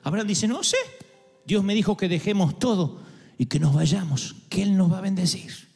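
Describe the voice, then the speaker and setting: A male preacher with a high voice delivers an animated sermon, acting out short lines for the people in his stories. He speaks straight to the crowd in a large hall. His voice carries a long reverb, with faint music underneath. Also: normal speed, vocal fry, slightly rough. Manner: addresses audience directly.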